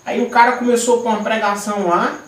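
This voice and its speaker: A man leading a small church cell group tells his personal testimony in an informal sermon, his high voice quick and fairly even in intonation. The delivery is animated, with frequent fillers and restarts. It was recorded in an echoey room on a distant mic with faint noise.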